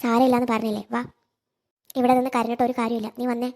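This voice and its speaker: A woman voicing a kind elderly grandmother in an animated cartoon, talking softly and soothingly. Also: a little high, fast, lightly acted.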